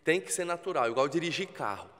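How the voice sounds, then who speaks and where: Calm Brazilian man, slightly high voice. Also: quick pace, in a large hall. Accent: Brazilian Portuguese. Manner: calm, explanatory, coaching tone. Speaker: podcast guest, TV presenter. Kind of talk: casual interview talk. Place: podcast studio with spotlights.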